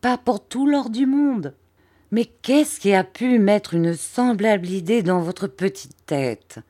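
A woman voicing a devoted, warm-hearted old nursemaid who speaks in blunt, emphatic exclamations. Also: mid-range voice, slow pace, close to an everyday voice. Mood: fervent.

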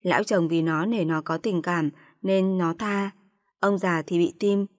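A woman narrating a family drama story in an even storytelling manner. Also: on the low side, measured pace.

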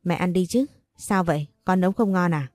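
A woman voicing a gentle young man who speaks to his fiancée and mother in a caring, reassuring way. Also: on the low side, fairly quick, dry recording, studio quality, faint music behind, close to an everyday voice.

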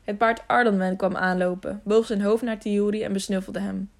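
A woman narrates an adventure novel for an audiobook in a steady, even reading voice. Her tone sits in a middle pitch with a noticeable gravelly fry. She occasionally stumbles and restarts a word before carrying on. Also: moderate pace.

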